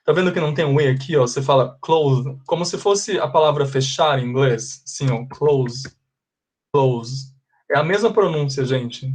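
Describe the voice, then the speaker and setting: A man's voice: on the high side, fairly quick, few pauses. A Brazilian-Portuguese-speaking man teaching English in an online class, patiently explaining pronunciation step by step. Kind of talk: online class, correcting students. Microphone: video call.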